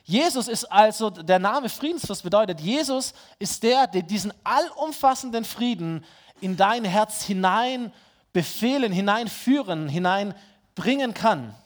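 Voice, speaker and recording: A man's voice: high-pitched, lively intonation, unhurried. A man preaching a sermon in a conversational way, speaking directly to his listeners and asking them rhetorical questions.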